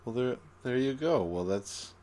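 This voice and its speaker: A man's voice: medium pitch, expressive, unhurried, darkish tone. A man co-hosting a podcast in casual chat, laid-back but emphatic, acting out moments he watched. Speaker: podcast co-host.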